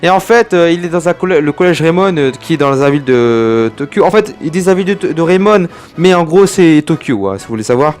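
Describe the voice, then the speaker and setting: A man's voice: a little high, lively intonation, a little fast, few pauses, a little mellow, faint music behind. A young man from France casually reviewing an anime, rambling and digressive with chatty asides to his viewers.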